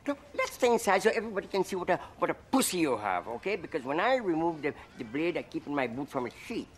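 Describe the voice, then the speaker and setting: A man's voice: on the high side, very animated, fast, a little hiss or hum. A man in his sixties playing a combative, foul-mouthed store salesman in a film comedy, with a Brooklyn accent and argumentative, oddly formal phrasing. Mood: angry, taunting. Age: 60s. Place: electronics store set, indoors.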